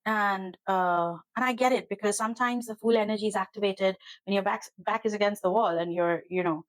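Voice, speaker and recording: A woman's voice: medium pitch, steady tone, fairly quick, no room sound, poor audio. A woman hosting her own tarot channel, chatting casually to camera from her kitchen in an earnest, rambling way that turns emotional. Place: home kitchen.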